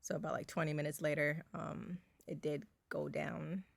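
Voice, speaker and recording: A woman's voice: sits low, flat delivery, moderate pace, creaky, dry recording, clean studio sound. A woman in her thirties chatting casually about a personal experience as a vlogger, filling her talk with fillers and little laughs, recorded in her bedroom at home. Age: 30s.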